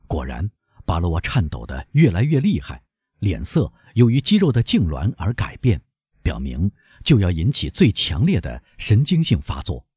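A man narrating an audiobook in an expressive, dramatic way. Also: deep voice, moderate pace, husky, dry recording, clean studio sound.

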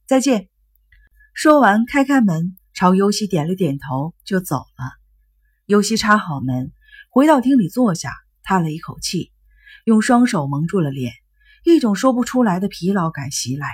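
A woman reads a novel aloud as an audiobook narrator. Her voice is husky and a bit breathy. The reading is steady and measured. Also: medium pitch.

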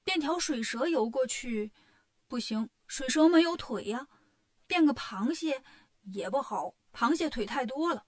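A woman voicing a brash, impatient male monkey king who talks brisk and sharp in a storybook tale. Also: high-pitched, expressive. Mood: musing.

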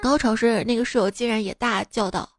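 A young woman hosting a comedy podcast, reading listener jokes in a lively, casual way and laughing at them. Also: on the high side, a little fast.

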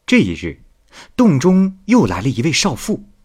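A man's voice: mid-range voice, moderate pace, slightly rough. A man narrating a classic tale expressively, voicing each figure himself. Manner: expressive, lively, voices every figure. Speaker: storyteller.

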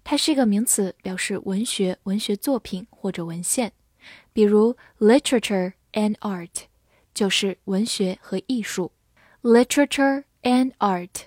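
A woman teaching English vocabulary, spelling words letter by letter and reading example sentences slowly and carefully for learners. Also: mid-range voice, a little mellow, no room sound, clean studio sound.

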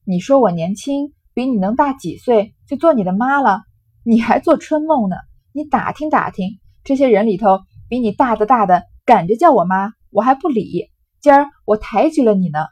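A woman reading as a brisk, sharp-tongued young noblewoman. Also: a little high, animated, breathy edge, dry recording. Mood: scolding. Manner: brisk, teasing, commanding.

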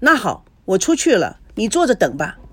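A secretive young woman on the run, curt and defensive, as the story's female reader voices her. Lively pitch, dry close recording. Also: normal speed, breathy edge, no echo, full character voice.

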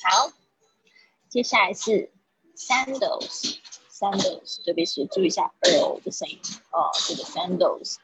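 A woman's voice: lowish voice, animated, moderate pace, background noise. A woman teaching an online English vocabulary class, reading each word twice and explaining the sounds patiently.

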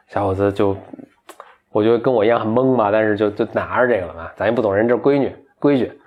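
A man's voice: on the low side, fast, muffled recording. A man casually retelling a folk tale to a friend, lightly voicing the characters and laughing along. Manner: chatty, voices the characters lightly, laughs at the story. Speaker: storyteller.

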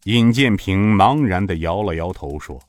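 A man narrating an audiobook with an expressive storytelling delivery. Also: sits low, normal speed, no room sound. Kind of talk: audiobook narration of a martial-arts novel.

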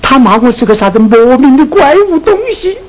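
An actor playing a sharp-tongued comic innkeeper in a Sichuan opera, with a Sichuan accent, scolding in a sing-song way. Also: sits high, sing-song, fairly quick. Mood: mocking. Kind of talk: Sichuan opera stage acting. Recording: noisy 1970s film soundtrack.

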